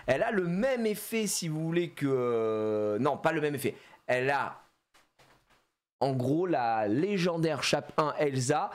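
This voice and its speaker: A man with a slightly high voice takes an unhurried pace while opening card packs on a live stream. He keeps things casual and jokey, laughing often and punning as he goes.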